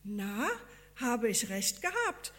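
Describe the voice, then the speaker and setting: A woman voicing an excited, gesturing male village farmer who talks eagerly and insistently. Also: on the high side, slow, full character voice. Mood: triumphant.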